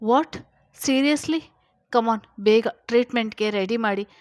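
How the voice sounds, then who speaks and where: Lady narrator doing bossy young doctor, quick firm orders, storybook. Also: a little high, steady tone, no echo, clean studio sound, close to an everyday voice. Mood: urgent. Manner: brisk, scolding orders. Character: brisk young male doctor, firm and commanding.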